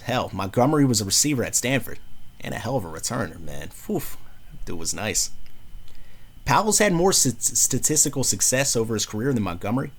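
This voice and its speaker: A man with a New York accent hosting a casual sports show, talking football in a slangy, lively way. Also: mid-range voice, fairly quick, husky. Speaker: host.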